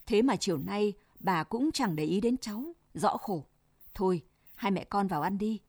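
Woman doing a gentle old Hue grandmother. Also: moderate pace, no room sound, studio quality. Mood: kindly. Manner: low, even, chant-like speech. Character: old woman neighbor, gentle, slow, wise.

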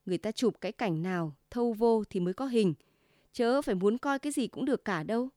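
A woman's voice: fairly high pitch, animated, quick pace, no echo, studio quality, close to an everyday voice. Woman doing a quarrelsome wife. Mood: indignant. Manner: sharp, scolding. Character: plump middle-aged wife, quarrelsome know-it-all.

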